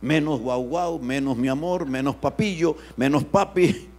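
A man pastor, preaching an animated sermon that swings from loud outbursts to hushed asides. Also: fairly high pitch, measured pace.

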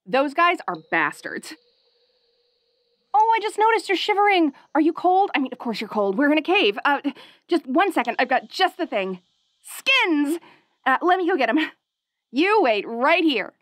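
A woman voicing a perky, curious young wolf girl in an audio role-play, bubbly, giggly and rambling excitedly as she talks to the listener. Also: high voice, normal speed, no room sound, clean studio sound. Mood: bubbly, eager.

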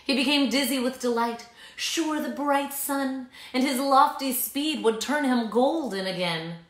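In a small living room with echoey acoustics, a woman in her thirties reads a children's story aloud with dramatic emphasis. Her voice sits high and she takes her time.

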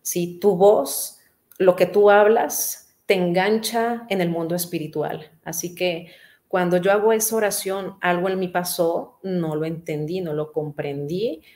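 Woman, middle-aged, lowish voice, earnest storyteller, repeats phrases, conversational testimony. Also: a little slow, darkish tone. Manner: earnest storytelling with frequent "¿verdad?" tags and repetitions. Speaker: pastor and businesswoman, interview guest.

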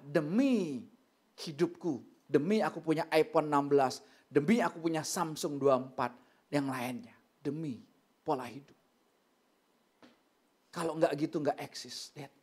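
A middle-aged male pastor delivering a sermon with plenty of storytelling. His voice leaps up into loud, high exclamations and then drops to hushed, low remarks, keeping the congregation engaged. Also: moderate pace, pauses often, breathy edge.

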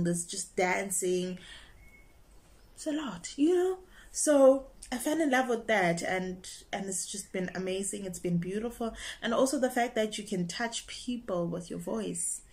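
A woman's voice: mid-range voice, unhurried. Bubbly young woman vlogger. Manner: bubbly, expressive, laughs and breaks into singing. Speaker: vlogger, young opera singer. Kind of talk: casual chat to camera.

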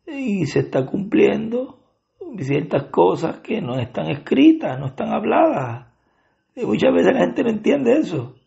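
Gravelly Puerto Rican preacher. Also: male voice, high-pitched, warm tone. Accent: Puerto Rican Spanish. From Puerto Rico. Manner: reads scripture aloud, then explains it with many filler pauses. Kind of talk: Bible study sermon. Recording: dull lo-fi sermon recording.

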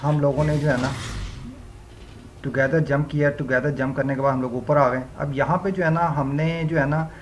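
A man's voice: a little high, steady tone, moderate pace, slight background noise. A man hosting a gaming channel, talking viewers through gameplay step by step and leaning on the same filler phrases again and again. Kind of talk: gameplay walkthrough commentary.

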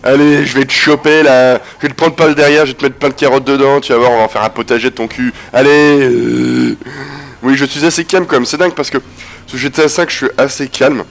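A man with a head cold commentating a video game casually, swearing, laughing and yelling at the action. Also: mid-range voice, steady tone, a little fast, gravelly, soft background music. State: has a cold, stuffy. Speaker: gameplay commentator. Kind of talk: casual let's-play commentary.

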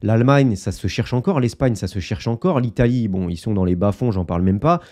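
This male football YouTuber has a lowish, darkish voice and a brisk delivery. Hosting a laid-back video, he chats his views on the game to his audience, sprinkling in plenty of fillers and side comments.

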